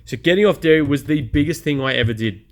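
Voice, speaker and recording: A vlogger in his 30s shares his own experience in a candid monologue, speaking fast at a fairly high pitch. He comes across as blunt, casual, and chatty, often self-deprecating.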